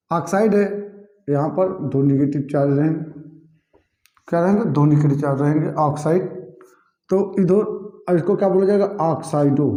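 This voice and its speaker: A man with a high-pitched, mellow voice gives a chemistry lecture, repeating key terms and quizzing students with "what will it be called?" He addresses them as "bhaiya" and "ji," and the sound is roomy.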